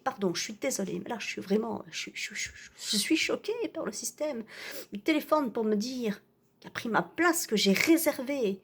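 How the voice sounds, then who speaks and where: A woman's voice: on the high side, breathy edge, exaggerated voice. A woman playing an indignant, self-righteous vaccinated woman in an ironic rant, full of hesitations and tag words. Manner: hesitant, full of "euh" and "hein". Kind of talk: ironic satirical rant to camera.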